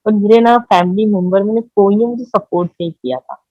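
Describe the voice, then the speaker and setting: A woman, telling her own story in halting speech, with many fillers and repeated words. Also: mid-range voice, no echo, muffled recording. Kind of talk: emotional personal testimony.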